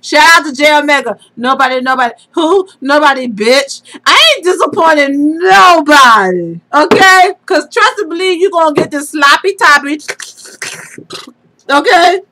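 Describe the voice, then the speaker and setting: A high, bright-voiced woman co-hosting a late-night podcast, a little drunk and loud. She talks brash and unfiltered, with a sharp edge on her voice. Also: normal speed, poor audio. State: tipsy. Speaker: podcast co-host. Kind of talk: raunchy casual chat.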